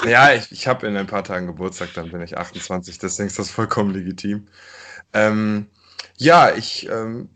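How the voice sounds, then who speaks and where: A man's voice: on the low side, a bit bright. A man in his late twenties who co-hosts a casual podcast chat, rambling and searching for words. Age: 20s. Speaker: podcast co-host.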